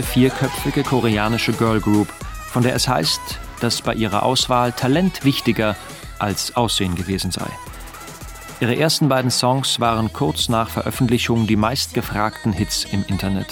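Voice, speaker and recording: Man narrating a documentary over music. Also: medium pitch. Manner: even, measured reading. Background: background music.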